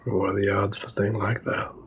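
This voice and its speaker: Low, froggy-voiced man at a gaming table. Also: little pitch movement, fairly quick. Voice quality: croaky, froggy, husky voice. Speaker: tabletop game player. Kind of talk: casual chat and in-character narration at a game table.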